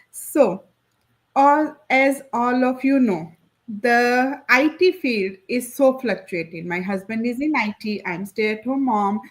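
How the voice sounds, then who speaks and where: Higher-voiced woman from India, polite guest. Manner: polite, grateful. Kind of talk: personal introduction.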